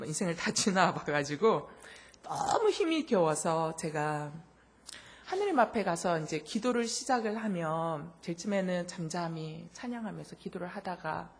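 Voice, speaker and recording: A middle-aged woman pastor preaching a sermon with a personal testimony, naturally loud-voiced, telling her story with emotion and acting out the dialogue, soft one moment and impassioned the next. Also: on the low side. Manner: swings between soft intimate lines and loud impassioned bursts.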